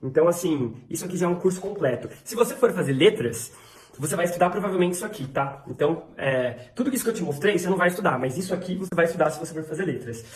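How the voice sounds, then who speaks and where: A young Brazilian man teaching English pronunciation in a casual video lesson, rattling off terms quickly with fillers. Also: a little high, expressive, echoey room.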